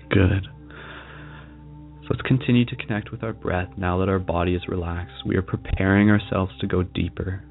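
A man leading a guided meditation in a soft, calming, unhurried manner with long pauses. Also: sits low, vocal fry, narrow, tinny audio. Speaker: meditation guide, show host. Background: music.

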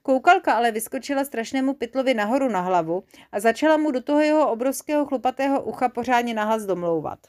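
Storyteller: a woman with a fairly high voice, lively children's story reading. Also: hardly any pauses. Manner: lively, expressive.

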